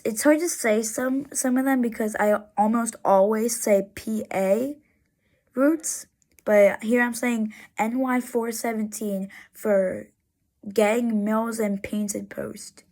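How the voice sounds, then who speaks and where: Woman, slightly high-pitched, casual photo-narration vlogger; rambling, halting, prone to exasperated outbursts. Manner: rambling, many restarts and fillers, exasperated outbursts. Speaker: road enthusiast vlogger.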